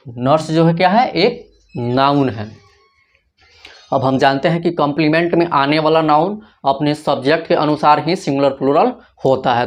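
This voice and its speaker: Male teacher, slightly high voice, explains grammar step by step with questions and answers. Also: a little mellow. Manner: asks questions and answers them himself, repeats key points. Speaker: English teacher. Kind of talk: classroom grammar lesson.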